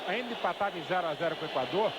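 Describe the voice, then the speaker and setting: His voice sits high and sounds expressive as the Brazilian co-commentator rattles off live football analysis very fast, wandering into long asides to justify his opinions. The outdoor stadium broadcast is noisy, with the crowd audible throughout.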